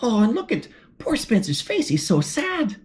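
Her voice sits on the high side, a little mellow, with wildly swooping pitch at normal speed as she animatedly reads a children's picture book aloud. Turning the pages, she gasps with surprise and poses questions to the listener.

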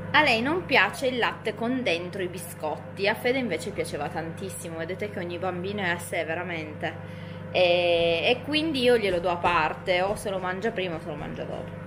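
A woman with a mid-range voice chats casually to her viewers over background noise. She's a young mother making a home vlog on a handheld camera in her kitchen and living room, explaining things as she goes.

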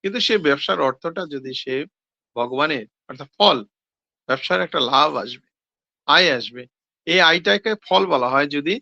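A man giving a devotional talk on scripture, posing questions and answering them himself, with hesitant pauses and self-corrections. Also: on the high side, animated, creaky, pushed and bright, dry recording, lo-fi sound. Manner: explains with rhetorical questions and answers. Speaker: seminar speaker on scripture.

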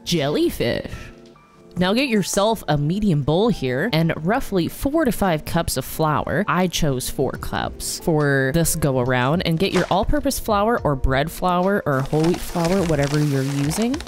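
A woman's voice: low-pitched, very animated, unhurried, soft background music. A young adult woman giving step-by-step instructions as an informal, playful voice-over. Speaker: vlogger giving a recipe.

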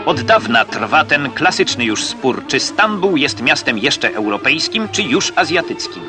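A man narrating an old 1960s newsreel in a crisp, declamatory way, occasionally wry. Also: medium pitch, big pitch swings, unhurried. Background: music.

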